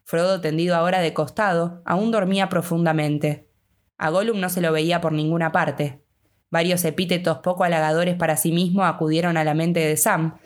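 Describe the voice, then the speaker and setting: Female audiobook narrator, Rioplatense accent, measured delivery, low-ish voice. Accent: Rioplatense Spanish. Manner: steady, measured reading. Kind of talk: scripted narration.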